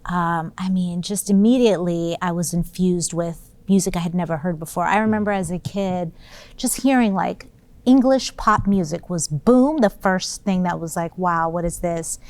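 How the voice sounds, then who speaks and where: A woman's voice: fairly low pitch, moderate pace, darkish tone. A woman from Ethiopia who grew up near Washington D.C., answering interview questions in a thoughtful, reflective way with frequent ums. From Ethiopia, raised near Washington D.C. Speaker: guest musician.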